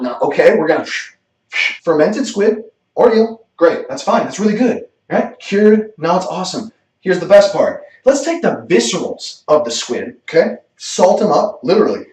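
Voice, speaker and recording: Energetic, profane male vlog host, lively pitch, echoey room, distant mic. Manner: energetic, jokey, swears freely. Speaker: cooking channel host. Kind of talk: casual countdown vlog. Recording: roomy echo, distant mic.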